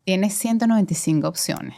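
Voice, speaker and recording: This guest, a commercial director in her forties, speaks with a Venezuelan accent in a medium-pitched, gravelly, dark voice at a fairly quick pace. She looks back on her career conversationally, her speech full of fillers.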